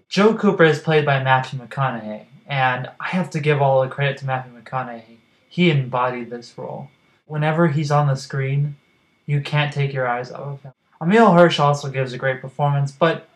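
A man's voice: medium pitch, rough recording. A man giving a casual, enthusiastic movie review, addressing viewers directly. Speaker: film reviewer.

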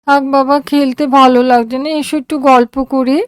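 A woman voicing a sweet, playful, feverish seventeen-year-old girl in a high, childlike, drawn-out voice. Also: steady tone, no echo, studio quality, lightly acted.

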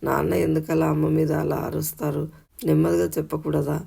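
A man voicing a bold young student confronting his parents in an audio story, read in a flat, gravelly storyteller voice. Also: a little high, normal speed, heavily acted. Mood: challenging.

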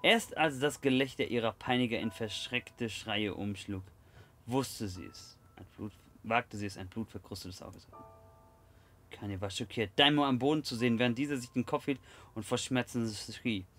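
A man's voice: mid-range voice, moderate pace, fairly bright tone, faint music behind. A man reading game text aloud with casual, salty comments, stumbling now and then over typos. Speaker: let's play host.

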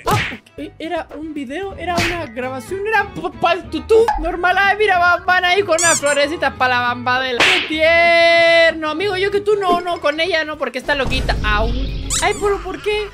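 A woman doing excited reaction commentary, full of gasps and exclamations. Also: very high voice, fairly quick. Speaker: reaction video host. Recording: background music under the voice.

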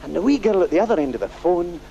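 Male comic, animated and gravelly, noisy archive stand-up. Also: high voice, quick pace, muffled recording. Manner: lively storytelling with voices. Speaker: comedian. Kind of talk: stand-up story.

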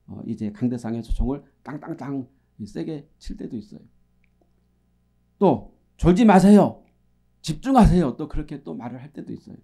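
A middle-aged man preaching earnestly as a pastor, moving between emphatic calls and quiet asides. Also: a little high, creaky. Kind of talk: sermon.

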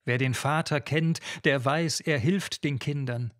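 A man's voice: a little high, unhurried, a bit bright. A man voicing a pious old mother who pleads and prays with her daughter in a classic ballad reading. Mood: urging. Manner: imploring, praying.

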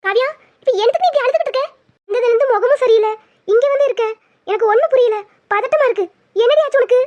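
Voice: extremely high pitch, a little fast. A performer voicing an anxious middle-aged mother who keeps asking worried questions about her daughter. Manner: pleading, fussing questions. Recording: dull lo-fi sound.

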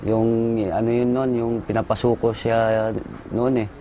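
A man, a soldier, recalling a firefight in short halting bursts and military jargon. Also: medium pitch, flat delivery, lo-fi sound, a little hiss or hum. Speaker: soldier recounting combat. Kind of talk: casual spoken recollection.

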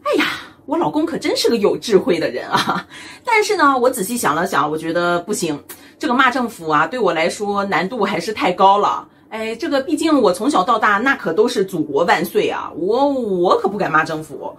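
A woman's voice: medium pitch, big pitch swings, a little fast, a bit bright, breathy edge. A woman from China, doing a chatty, teasing comedic monologue as a vlogger and laughing often. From mainland China.

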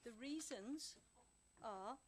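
A woman council officer explaining the voting procedure clearly and deliberately, checking that everyone understands, on a desk microphone in a council chamber. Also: a little high, animated, a little hiss or hum. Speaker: council officer advising members.

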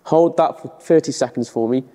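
A man's voice: mid-range voice, brisk, warm tone. A young man working as a rehab coach, giving hands-on instructions in casual language. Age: young adult. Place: large hard-floored gym, indoors. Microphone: clip-on lapel mic. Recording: reverberant hall-like room.

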